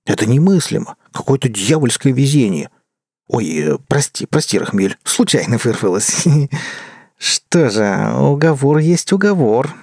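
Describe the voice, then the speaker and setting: A man's voice: mid-range voice, sing-song, unhurried, creaky, a little mellow, husky, no room sound, clean studio sound, pitched above the performer's own voice, full character voice. A man voicing a scornful otherworldly male tempter who taunts and warns, in an audiobook. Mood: taunting. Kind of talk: audiobook character voice.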